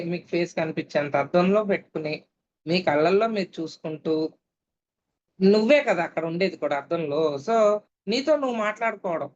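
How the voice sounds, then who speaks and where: A middle-aged woman, a meditation teacher, telling a personal story in a reflective way with frequent pauses. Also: fairly low pitch. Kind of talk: personal testimony talk. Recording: dull lo-fi recording with faint hiss.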